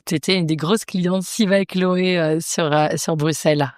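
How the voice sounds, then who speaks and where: A woman's voice: lowish voice, fairly even intonation, a little slow, darkish tone, dry recording, studio quality. A Belgian French-speaking woman hosting a podcast interview, friendly and hesitant, with many fillers. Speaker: podcast host and business coach. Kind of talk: casual interview chat.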